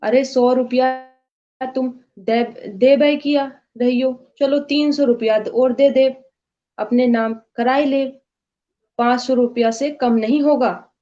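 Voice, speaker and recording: A woman's voice: high-pitched, steady tone, slow pace, voice pushed up. Woman voicing a shrewd haggling old aunt. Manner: loud, bargaining. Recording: dull lo-fi recording.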